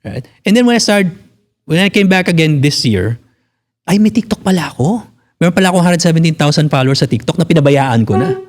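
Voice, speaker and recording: A man's voice: fairly high pitch, lively intonation, fairly quick. A Filipino physical therapist in his forties, talking bluntly in a casual podcast conversation, swearing freely and mixing in English. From Philippines.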